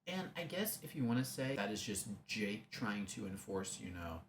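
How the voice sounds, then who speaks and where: A man's voice: fairly low pitch, very animated, normal speed. A young man giving a sarcastic, rambling movie review with restarts. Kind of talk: casual movie review rant. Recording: echoey room, faint hum.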